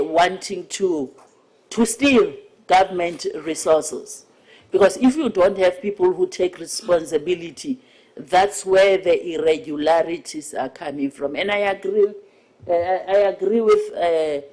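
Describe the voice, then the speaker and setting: Slow-paced South African committee speaker. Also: medium pitch, darkish tone. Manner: halting, repeats and rephrases words, emphatic. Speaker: member of parliament speaking in a committee briefing. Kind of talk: formal committee remarks, unscripted.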